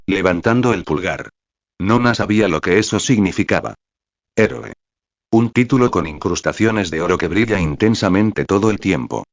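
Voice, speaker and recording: A man narrating a story in an even, steady reading voice. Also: fairly low pitch, dry recording, muffled recording.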